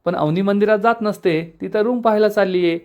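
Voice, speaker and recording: A man's voice: high voice, fairly quick, clear, resonant tone, highs cut off. A man narrating a TV serial episode recap, enthusiastic and addressing viewers as friends.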